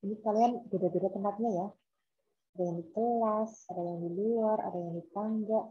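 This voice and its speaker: A woman lecturer from Indonesia talks fairly quickly in a medium pitch with fairly even intonation. She is giving a casual online university lecture by laptop video call, repeating ideas, offering examples, and asking students things. Expect flat, lo-fi call audio.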